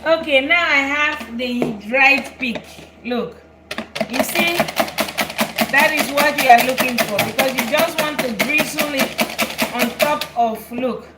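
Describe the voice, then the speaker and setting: A high-pitched woman from Belgium hosts a live cooking stream, talking slowly through every step as she works. Her voice rings in an echoey kitchen with steady background noise. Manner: chatty, explains each step while working. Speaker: cooking show host. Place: home kitchen.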